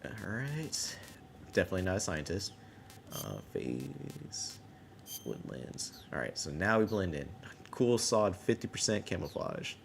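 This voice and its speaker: Low-voiced man streaming a game. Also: sing-song, measured pace, creaky, background noise. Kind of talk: casual live gameplay commentary. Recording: loud game music mixed in. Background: loud music.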